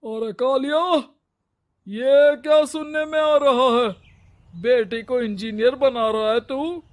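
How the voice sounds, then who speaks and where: A man's voice: very high voice, takes it slowly. A man voicing a stern, domineering village headman in a cartoon story, speaking harshly and commandingly.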